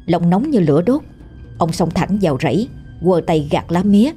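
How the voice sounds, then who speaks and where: A woman with a Southern Vietnamese accent narrating a scripted horror story in a steady, somber way. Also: on the low side, normal speed, faint music behind.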